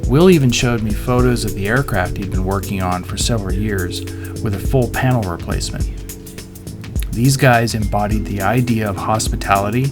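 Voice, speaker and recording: A middle-aged man with a lowish voice reads a scripted voice-over at normal speed, narrating an airport review as a pilot. Music plays underneath throughout.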